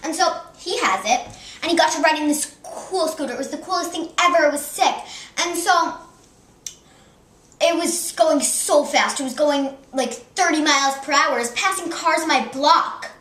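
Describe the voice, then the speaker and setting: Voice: high voice, normal speed, pushed and bright, reverberant. Someone playing a rambling ten-year-old girl. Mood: excited. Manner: rambling, lots of ums and likes. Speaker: interviewee. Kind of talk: amateur comedy sketch.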